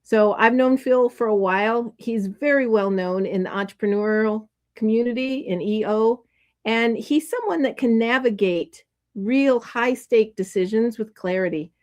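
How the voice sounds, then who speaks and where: Upbeat female host, higher voice, introduces a speaker with enthusiasm. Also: a little slow. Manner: enthusiastic, warm praise. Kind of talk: event introduction.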